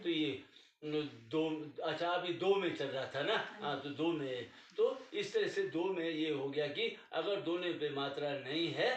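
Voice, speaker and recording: A man teaching a language class, patiently explaining pronunciation rules and checking often that his student follows. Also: on the high side. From Tibetan community. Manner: patient, repeats "ठीक है" to check understanding. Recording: echoey room, mic far off.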